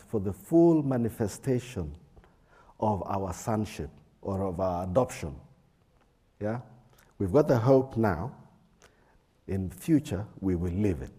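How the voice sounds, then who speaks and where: A man giving a sermon and reading scripture in a slow, measured way with pauses, his voice echoing around a big hall. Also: fairly low pitch, warm tone, husky. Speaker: preacher.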